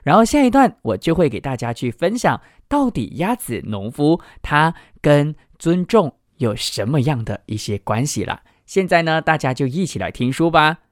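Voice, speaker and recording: A man hosting a children's literature show and reading a picture book aloud in a lively, expressive way. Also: fairly high pitch, moderate pace, few pauses, no room sound, studio quality. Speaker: podcast host and storyteller. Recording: music bed under voice. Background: background music.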